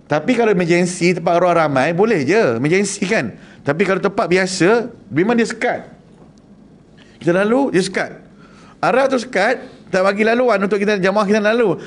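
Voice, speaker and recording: A man with a Malaysian Malay accent giving a humorous Quran lesson, telling animated stories with teasing asides. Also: high voice. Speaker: Quran teacher.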